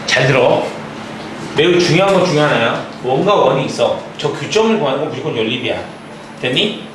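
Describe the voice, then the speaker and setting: A young male math tutor scolding and lecturing his class, his voice a little high for a man. He keeps breaking off to ask if they follow. The sound is very echoey, picked up from well across a noisy room. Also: recorded from a distance. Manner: scolding, lots of quick check-in questions. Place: academy classroom.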